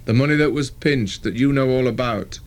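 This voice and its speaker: A man voicing a bullying middle-aged police detective, slow, hard and threatening. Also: mid-range voice, pitched above the performer's own voice, close to an everyday voice. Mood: menacing.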